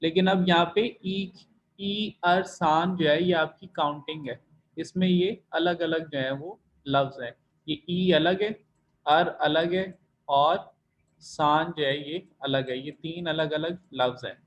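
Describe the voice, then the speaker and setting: A man's voice: fairly high pitch, steady tone, measured pace, lo-fi sound. A man teaching a Chinese language class online, explaining rules patiently and repeating each point step by step. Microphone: computer mic in video call.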